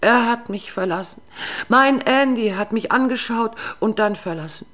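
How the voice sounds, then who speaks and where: A woman's voice: animated, normal speed, natural voice. A woman doing a tearful drunken mother. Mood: wailing. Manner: tearful, pleading, rising to shrill reproach. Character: drunken, weeping young mother, desperate and clinging.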